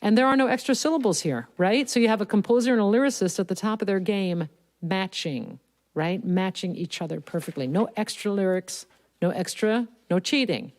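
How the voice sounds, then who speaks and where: A woman's voice: medium pitch, a little fast, a little mellow. A woman hosting a livestream from a studio, chatting enthusiastically about songwriting craft and humming bits of melody to show her point. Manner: enthusiastic, breaks into humming and sung lines to demonstrate. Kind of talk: casual livestream talk about songwriting between songs. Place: recording studio. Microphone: studio mic at a piano. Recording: clear piano playing behind the voice. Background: piano.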